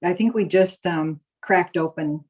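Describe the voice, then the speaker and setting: An older woman from Juneau, Alaska, a board director and panel host, leads a live online gathering in a casual address. Her fairly low, slightly mellow voice moves at a measured pace, full of fillers as she shares stories, though the audio is poor.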